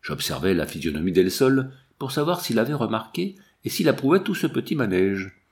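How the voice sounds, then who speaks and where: A man reading a novel aloud as narrator, telling it in an expressive storytelling way. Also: on the low side, a little fast. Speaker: audiobook reader. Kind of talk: scripted narration.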